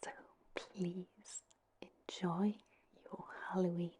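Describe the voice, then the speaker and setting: A woman with a Welsh accent telling a story in a gentle, breathy, unhurried ASMR whisper. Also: fairly low pitch, little pitch movement, no room sound. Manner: unhurried, gentle delivery with long pauses. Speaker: host telling a story to listeners.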